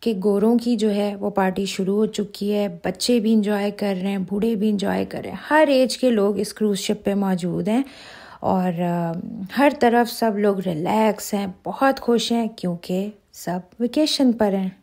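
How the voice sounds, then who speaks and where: A woman's voice: mid-range voice, measured pace. Chatty woman vlogging on a ship deck. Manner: chatty, excited, talks to viewers directly. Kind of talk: casual travel vlog narration. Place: outdoors on a cruise ship deck.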